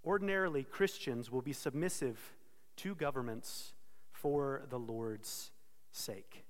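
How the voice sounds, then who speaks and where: A man preaching an expository sermon, earnest and steady, pausing to correct himself now and then. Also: medium pitch, in a large hall. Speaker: pastor.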